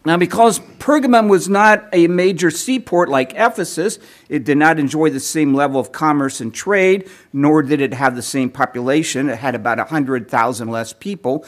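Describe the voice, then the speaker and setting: Losing his voice, a preacher keeps clearing his throat as he delivers a measured, lecture-style teaching sermon. His pitch sits on the high side.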